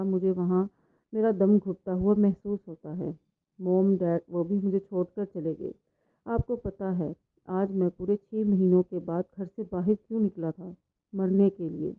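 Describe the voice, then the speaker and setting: A woman's voice: medium pitch, lightly acted. A woman voicing a grieving lonely young man. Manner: emotional, pleading. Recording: tinny phone-like sound.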